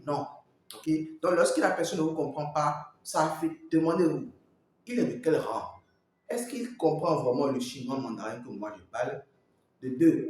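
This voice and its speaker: A man working as a language coach, giving advice straight to the viewer and repeating his points. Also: a little high. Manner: repetitive, talks straight to the viewer. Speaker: Mandarin coach. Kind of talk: teaching advice to camera. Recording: very echoey room.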